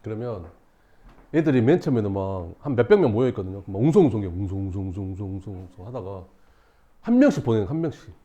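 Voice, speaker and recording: A male teacher telling a class a story, acting out shouts and screams and laughing as he goes. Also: medium pitch, very animated, racing, lo-fi sound. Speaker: math teacher.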